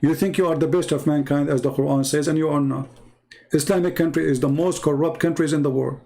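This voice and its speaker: A man's voice: on the high side, steady tone, quick pace, vocal fry, dark tone. A man hosting a live-stream debate, reading viewer comments aloud and answering in combative, mocking, non-native English. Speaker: online religious debate host.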